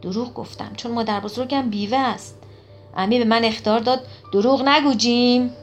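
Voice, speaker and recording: A woman reading an audiobook in an expressive storytelling manner. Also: a little high, faint music behind. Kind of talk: audiobook narration.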